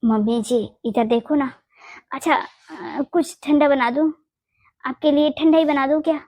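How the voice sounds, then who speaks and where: A woman voicing a young, gentle married daughter-in-law in a Hindi cartoon, talking in a soft, pleading way. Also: high voice, steady tone, unhurried, no echo. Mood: soothing. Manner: soft pleading, keeps saying "mummy ji".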